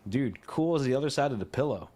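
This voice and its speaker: In a casual podcast conversation, this male co-host spins meandering stories at a moderate pace, his mid-range, dark-toned voice full of lively intonation. Frequent laughter breaks in, and he tends to trip over words and start again.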